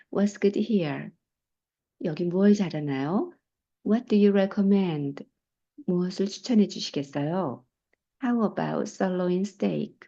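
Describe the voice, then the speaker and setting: A woman teaching travel English in a recorded lesson, unhurried and careful as she models each phrase. Her voice sits low and dark, with a gravelly edge. The recording is somewhat muffled and lo-fi. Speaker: English teacher and textbook author.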